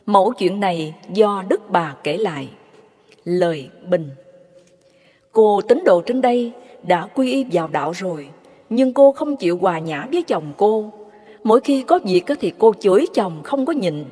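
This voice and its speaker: Woman reading religious stories, calm and reverent, long hall echo. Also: medium pitch, breathy edge. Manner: measured, reverent, unhurried. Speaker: storyteller. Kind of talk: devotional story narration.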